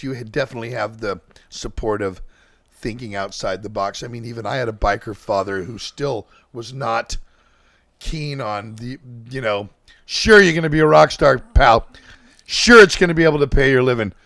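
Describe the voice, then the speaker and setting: A man's voice: mid-range voice, normal speed, gravelly, a bit bright, no room sound, clean studio sound. A man hosting a casual interview, enthusiastic and rambling, swearing casually. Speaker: podcast host.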